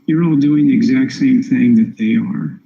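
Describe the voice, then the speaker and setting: A man in his seventies speaks with a creaky, very mellow voice. He is hesitant and politely apologetic as he gives informal public comment. Faint noise sits behind him. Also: medium pitch, moderate pace. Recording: dull, muffled meeting-room sound with noise.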